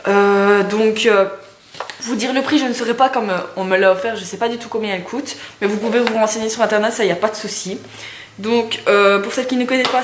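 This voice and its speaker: A young woman reviewing makeup in a casual, chatty way, with many hesitations and lots of enthusiastic praise. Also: medium pitch. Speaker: beauty vlogger. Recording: echoey room with faint noise.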